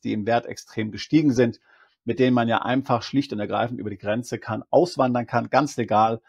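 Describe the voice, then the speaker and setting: Tax advisor guy explaining the rules step by step, kinda husky and raspy. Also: medium pitch, a little mellow. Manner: methodical, reads out and explains legal text. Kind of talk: explanatory video talk.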